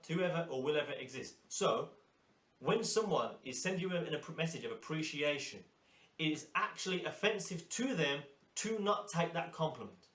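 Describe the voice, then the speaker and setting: A man with a somewhat high voice delivers a motivational course lecture to hairdressers. He talks emphatically and drives points home by repeating phrases. The room around him is roomy and echoey. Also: fairly bright tone. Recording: roomy echo.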